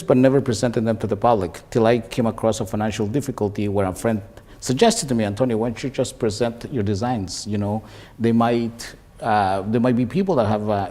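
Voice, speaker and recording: Hesitant man, lowish voice. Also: mellow. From Guatemala. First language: Mayan language. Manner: hesitant, many fillers and restarts. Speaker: guest, shoe designer. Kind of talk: interview.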